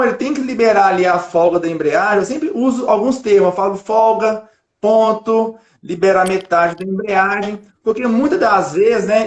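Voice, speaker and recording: A man's voice: high voice, roomy sound. A man with a Brazilian Portuguese accent, a driving instructor patiently explaining things step by step in a casual live chat.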